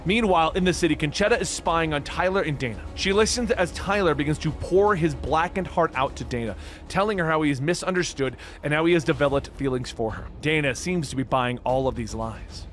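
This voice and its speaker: A man narrating a comic book story in a steady, dramatic storytelling manner. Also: on the high side, fairly quick. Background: faint music.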